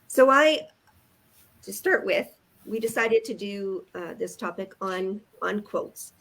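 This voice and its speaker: A woman's voice: mid-range voice, lively intonation, takes it slowly, gravelly, a bit bright. An older woman from Canada hosts a casual group video call in a friendly, organized way. She keeps things moving and reads short passages aloud. The sound is a typical video-call mic. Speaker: host.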